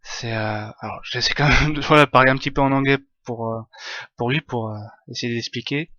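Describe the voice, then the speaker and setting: A man streaming a strategy game live, explaining his moves in a halting way full of fillers. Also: medium pitch, fairly even intonation, sharp tone, no room sound, highs cut off. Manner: hesitant, many fillers, halting English.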